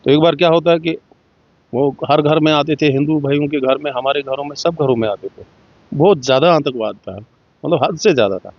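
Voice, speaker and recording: A middle-aged man from Jammu and Kashmir speaks briskly in a slightly high voice as he earnestly tells his story in an interview. He plays out the dialogue through small vocal shifts, and the recording is dry, muffled, and dull, with no room sound.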